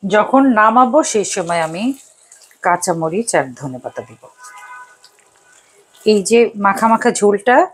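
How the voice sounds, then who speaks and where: A woman's voice: mid-range voice, animated, slow pace, pauses often, husky, low-quality recording. An older woman from Bangladesh hosting a cooking show, chatting in a rambling, casual way and chuckling often as she cooks in a home kitchen. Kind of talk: casual chat while cooking. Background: faint sizzle of frying.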